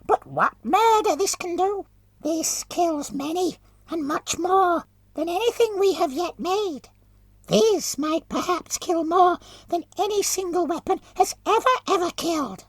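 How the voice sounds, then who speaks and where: A man's voice: animated, a little slow, dry recording. A man voicing a boastful male ratman engineer whose whining, broken speech is muffled by a mask. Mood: gloating. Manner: gloating, shrill, broken grammar.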